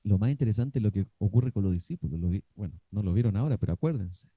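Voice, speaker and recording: A man's voice: fairly low pitch, expressive, fast, breathy edge, dry recording, muffled recording. A man preaching a sermon as pastor, emphatic and often asking the congregation questions. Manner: emphatic, asks the congregation questions, acts out quotes.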